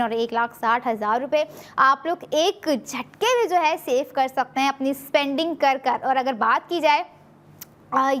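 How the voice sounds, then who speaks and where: A woman with a Pakistani Urdu accent hosting a TV shopping show, giving a persuasive sales pitch full of fillers. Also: fairly bright tone. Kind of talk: TV shopping presentation.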